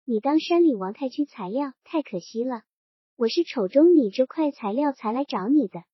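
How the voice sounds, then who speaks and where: A woman voicing a calm, frank young revolutionary man in a storybook reading, speaking plainly with a light joking edge. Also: high-pitched, moderate pace, husky, no room sound. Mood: candid. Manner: calm, candid, gently joking. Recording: dull lo-fi sound.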